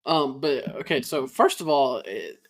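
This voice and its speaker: A man's voice: medium pitch, measured pace, fairly bright tone. A man co-hosting a casual movie podcast, rambling, laughing often and losing his train of thought. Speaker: podcast co-host.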